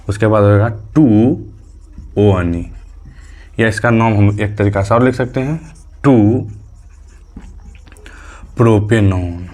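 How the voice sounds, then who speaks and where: A man's voice: fairly low pitch, darkish tone. A male chemistry teacher giving a medium lesson, patiently repeating key terms as questions and counting aloud step by step, with a light tinge. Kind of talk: classroom lesson.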